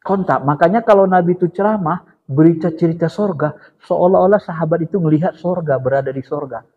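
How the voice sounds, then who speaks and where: Husky-voiced male preacher in an echoey hall. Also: fairly high pitch, fairly quick. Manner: lively, addresses listeners directly as sir, chants God's name. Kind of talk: sermon to a study gathering. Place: religious study gathering hall. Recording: echoey hall, dull lo-fi sound.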